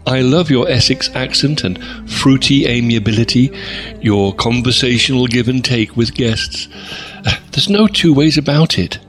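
Male actor as pompous stand-in radio presenter, earnest, self-absorbed, deliberate delivery for scripted radio comedy, mid-pitched, faint music behind. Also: a bit bright, lightly acted. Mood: ingratiating. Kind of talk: scripted comic radio monologue.

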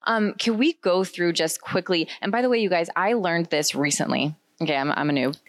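A woman's voice: on the low side, brisk, no echo. A woman hosting a podcast in casual chat, friendly and affirming, adding short explanations for her listeners. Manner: friendly, affirming, frequent small agreements. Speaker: podcast host.

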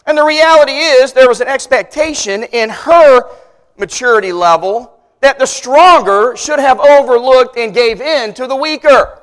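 High-voiced preacher in a reverberant church. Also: male voice, normal speed, clean tone. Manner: animated storyteller, rising loud on punchlines, then dropping low. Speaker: pastor. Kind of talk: sermon.

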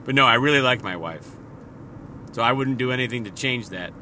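A man's voice: medium pitch, animated, brisk, pushed and bright, a little hiss or hum. A married man hosting a solo podcast, talking in a casual, profane, rambling and self-deprecating way. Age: adult, married father. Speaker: podcast host.

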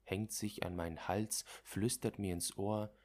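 A man reading a literary story aloud as narrator, in a measured, dramatic way. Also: fairly low pitch, fairly even intonation, darkish tone.

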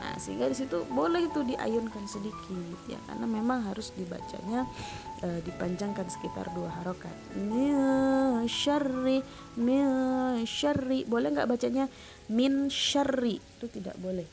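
A woman's voice: medium pitch, animated, a little fast, creaky. A woman teaching Quran recitation rules, patiently demonstrating each sound by repeating it. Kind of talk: tajwid lesson with spoken demonstrations. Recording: background music under voice.

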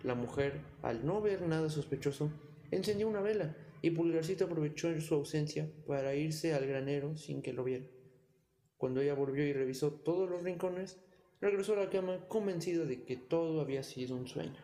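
A man reading a fairy tale aloud in an even, expressive storyteller manner. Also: a little high, normal speed, slight background noise. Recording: long hall reverb.

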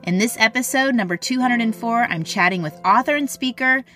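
A woman hosting a faith and parenting podcast in an upbeat, chatty way, greeting listeners with lively warmth. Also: on the high side, faint music behind. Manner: warm and chatty, drawn-out greetings. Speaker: podcast host.

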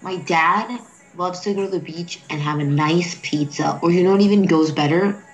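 A woman's voice: fairly low pitch, normal speed, soft background music, low-quality recording. A woman chatting casually as a guest on a talk show. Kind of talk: casual chat.

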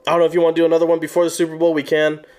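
Excitable swearing young man on a sports podcast. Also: fairly high pitch, very fast, clean tone. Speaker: podcast co-host. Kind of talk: casual sports chat.

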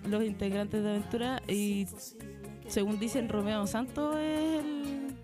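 A woman's voice: fairly high pitch, steady tone, a little slow, over music. Chilean woman with slangy, laughing banter. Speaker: podcast co-host. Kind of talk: casual chat.

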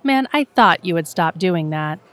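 Laid-back young Vince. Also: female voice, on the low side, lively intonation, unhurried, a bit bright, clear, resonant tone. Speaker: dialogue actor.

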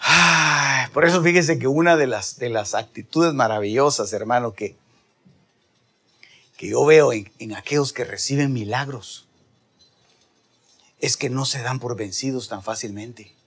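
A man preaching a sermon, calling his listeners brother and swinging from hushed near-whispers to loud, impassioned shouting. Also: mid-range voice, unhurried, pauses often, husky. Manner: calls the listeners "hermano", acts out voices in the story.

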